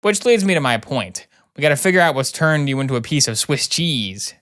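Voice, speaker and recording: A man's voice: mid-range voice, animated, a little fast, fairly bright tone, natural voice. A man voicing a sardonic, blunt male doctor from a video game, with dry sarcasm. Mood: sarcastic. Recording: music behind the voice.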